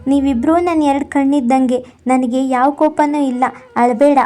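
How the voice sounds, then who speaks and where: A woman voicing a gentle elder daughter from a cartoon story, speaking in a high, soothing voice. She reassures softly, with faint music underneath. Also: steady tone, moderate pace, lightly acted. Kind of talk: storybook character voice.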